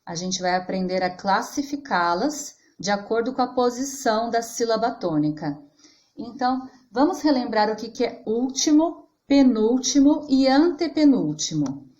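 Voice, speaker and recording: A woman's voice: fairly high pitch, a little mellow. Patient woman teacher in an echoey room. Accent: Brazilian Portuguese. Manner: patient, stretches and stresses example words aloud. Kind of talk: children's grammar lesson.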